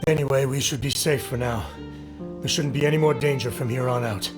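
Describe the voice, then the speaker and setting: Casting: actor for wry, weary male game soldier, average pitch, plain talker. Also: steady tone, a little fast, music in the background, close to an everyday voice. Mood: businesslike. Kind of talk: video game voice acting.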